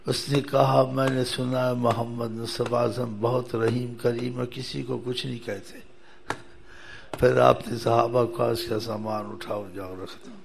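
A man's voice: mid-range voice, flat delivery, creaky, a little hiss or hum. A man preaching a storytelling sermon in a folksy way, chuckling at times and rising to emphatic exhortation.

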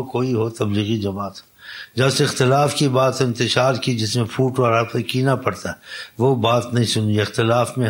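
A man preaching a sermon, exhorting his listeners, repeating his points and quoting Arabic sayings in between. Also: medium pitch. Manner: exhorting, repetitive, quotes Arabic hadith. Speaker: Islamic preacher.

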